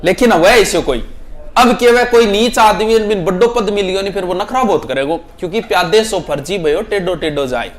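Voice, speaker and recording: A man's voice: high voice, lively intonation, moderate pace. A man with a Rajasthani accent teaching a class, repeating each proverb and explaining it in a chatty style with local dialect and jokes for the students.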